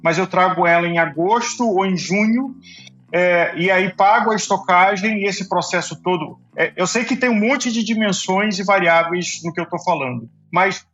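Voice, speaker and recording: High-voiced man asking long questions. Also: moderate pace, a bit bright, highs cut off. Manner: asks long, thoughtful questions. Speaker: podcast host. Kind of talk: podcast interview.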